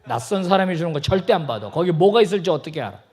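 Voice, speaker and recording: A man's voice: on the high side, racing, husky. A male pastor giving a sermon, joking with the congregation and acting out little dialogues. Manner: animated, jokey, acts out dialogue. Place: church sanctuary.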